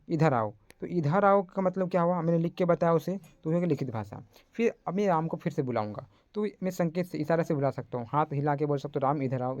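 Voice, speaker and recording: A man's voice: on the high side, a little mellow, no room sound, lo-fi sound. A young man teaching an online class in a casual, chatty way, often calling his listeners friends.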